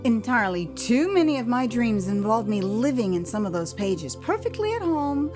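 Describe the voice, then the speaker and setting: Over music, an American woman narrates her own memoir as a theatrical audio production, her voice on the high side and her speed normal. She stretches words for effect and drops in friendly asides along the way.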